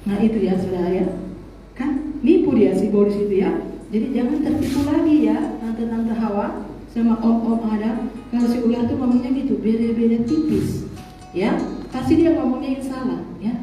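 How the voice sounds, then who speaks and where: A woman's voice: fairly high pitch, normal speed, dark tone, faint music behind. A woman preaching a sermon in a church, scolding her listeners and mimicking voices in casual speech. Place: church hall. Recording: very echoey church hall, mic at distance.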